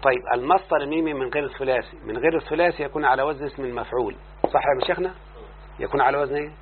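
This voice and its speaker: Egyptian male teacher, mid-pitched, drills a student with questions, lo-fi tinny tape with hum. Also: very fast. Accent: Egyptian Arabic. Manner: checks understanding with constant questions to the student. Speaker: teacher of Arabic morphology. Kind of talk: classroom lesson. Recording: tinny lo-fi recording with faint hum.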